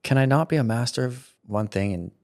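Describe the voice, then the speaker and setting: This interview guest is a man in his thirties who makes content, speaking into a studio mic while wearing headphones. His mid-range voice has a darkish tone and a fairly quick pace, and he talks casually, rambling, starting sentences over and laughing frequently.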